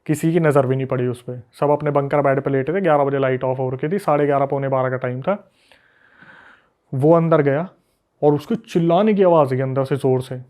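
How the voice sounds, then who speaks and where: A brisk man with a mid-range voice, appearing as a guest storyteller, recounts something spooky on a laid-back podcast. He brings real energy to it and voices the quoted people as he goes.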